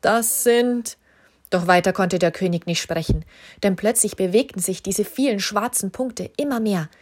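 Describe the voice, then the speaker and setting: A woman calmly and expressively reading a children's story aloud as narrator. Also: mid-range voice, moderate pace, slightly rough.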